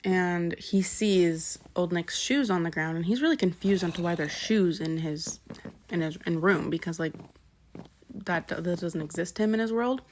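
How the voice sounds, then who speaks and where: Rambling woman with a lowish voice. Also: moderate pace, slight background noise. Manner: rambling, filler-heavy, backtracks and corrects herself; swears casually. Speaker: book vlogger. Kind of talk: casual unscripted retelling of a novel.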